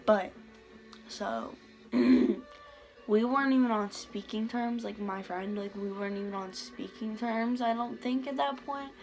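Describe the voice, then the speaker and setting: A woman's voice: fairly high pitch, a little slow, darkish tone, soft background music, poor audio. A teenage girl telling a storytime vlog in rambling casual chat, with heavy "like" fillers and frequent swearing. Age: teens. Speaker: vlogger.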